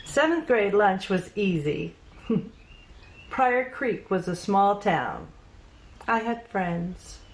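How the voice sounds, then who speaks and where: A woman's voice: mid-range voice, very animated, slow. A woman performing a theatrical monologue, reminiscing wistfully and trading gossipy asides. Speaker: stage performer.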